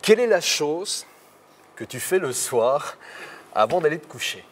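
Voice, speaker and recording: A man's voice: fairly high pitch, very animated, measured pace, slight background noise. A man hosting an interview, asking questions playfully with many hesitations. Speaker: radio show host.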